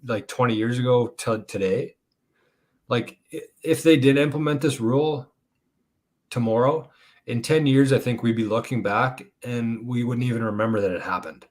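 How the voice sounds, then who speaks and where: A man's voice: mid-range voice, normal speed. Rambling casual male podcast co-host. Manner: rambling, swears, many "like" fillers. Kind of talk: casual chat.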